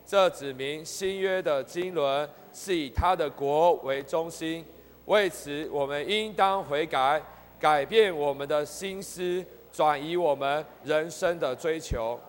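A man's voice: on the high side, slow pace, big-room sound. A man leading a church Bible study, earnestly repeating key points and calling the group to read along.

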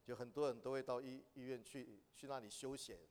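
A man's voice: medium pitch, steady tone, brisk, a little mellow. A man teaching a church class, asking his listeners questions and rising to emphatic exhortation. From Taiwan. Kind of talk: church training lesson. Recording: long reverb of a hall.

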